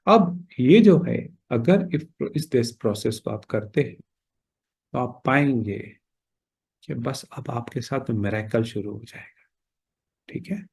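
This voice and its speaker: A male teacher with a mellow, slightly husky voice guides a class step by step. He checks in with his listeners often and mixes English phrases into his teaching. When he demonstrates pronunciation, he chants mantras slowly. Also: mid-range voice, expressive. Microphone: writes on a board while talking.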